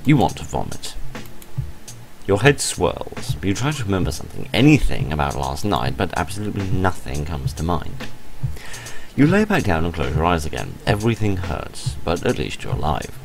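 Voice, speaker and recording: A rough recording captures a man with a deep, creaky voice whose pitch swoops wildly at a moderate pace. He's reading a visual novel aloud as a playthrough host, alternating dramatic, playful lines with casual comments, game music behind him.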